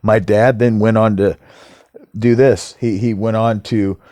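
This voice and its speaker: A man's voice: lowish voice, fairly even intonation, a little slow, mellow, no room sound, studio quality. A man talking in a casual monologue to camera as a vlogger, ranting heatedly and swearing.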